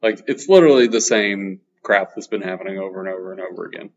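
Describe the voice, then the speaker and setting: A man's voice: low-pitched, quick pace, slight background noise. A man in his thirties hosting a podcast, teasing and joking with his guest, loose with fillers. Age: 30s. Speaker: podcast host. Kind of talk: casual podcast chat. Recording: muffled podcast audio.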